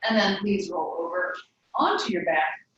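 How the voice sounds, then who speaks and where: A woman leads a yoga class in a studio. She gives calm instructions timed to the breath. Her voice comes from a distance and echoes heavily through the room over a faint hum. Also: fairly low pitch, moderate pace, muffled recording. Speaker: yoga teacher.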